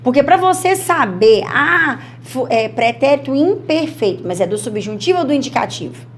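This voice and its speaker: A woman teacher with a Brazilian Portuguese accent leads a lively exam-prep grammar lesson. Her fairly high voice is chatty and animated, and she often acts out students' worries. A faint hum sits behind her voice. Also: normal speed.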